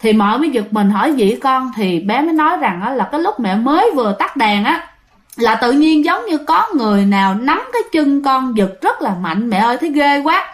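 A woman's voice: high-pitched, big pitch swings, brisk. A woman casually narrating a ghost story, chatting directly to her listeners with lots of fillers.

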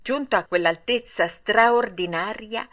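A woman narrating a classic children's story in a measured, expressive reading. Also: mid-range voice. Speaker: audiobook narrator.

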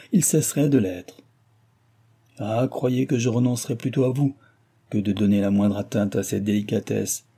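A man voicing an impetuous young gentleman who pleads with ardent warmth. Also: mid-range voice, slightly rough. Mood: pleading.

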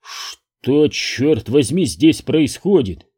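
A man voicing a frightened, blustering male landlord who shouts in alarm, for an audiobook. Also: mid-range voice, very animated, extremely slow, breathy edge, heavily acted. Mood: rattled angry. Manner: shouting, rattled and angry. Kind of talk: audiobook reading.

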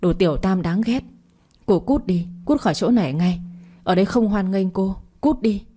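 A woman's voice: mid-range voice, normal speed, warm tone, husky, close to an everyday voice. A woman voicing a wronged older wife who speaks angrily and commandingly in a storybook reading. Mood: furious. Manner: angry, commanding.

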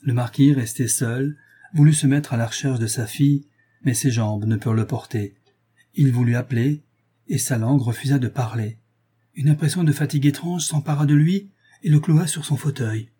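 A man narrating a classic novel as an audiobook in a measured, dramatic way. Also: medium pitch, warm tone, breathy edge. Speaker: audiobook reader.

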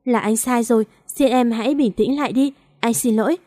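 A possessive young husband who turns remorseful, pleading with his wife in a storybook reading, as a woman puts him on. The voice sits fairly high and the sound is dry and close, with no room around it. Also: fairly quick, darkish tone, no room sound, close to an everyday voice. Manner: pleading, insistent. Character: young male company director, possessive then remorseful.

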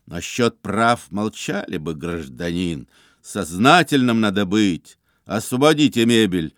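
A man's voice: fairly low pitch, expressive, unhurried, no echo, studio quality. A man playing a stern, commanding con man. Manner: firm, loud, commanding delivery. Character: stern, smooth-talking male con man. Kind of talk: audiobook character voice.

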